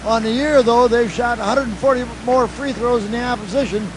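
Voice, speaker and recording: A man's voice: very high voice, fairly even intonation, fairly quick, background noise. A man who coaches gives plainspoken, folksy color commentary on a college basketball game.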